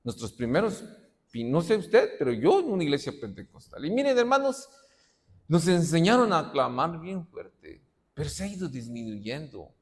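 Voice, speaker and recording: A male pastor preaching a sermon, asking rhetorical questions and shouting out dramatic quotes. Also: fairly high pitch, big pitch swings, moderate pace. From Mexico. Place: church hall. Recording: long reverb of a church hall.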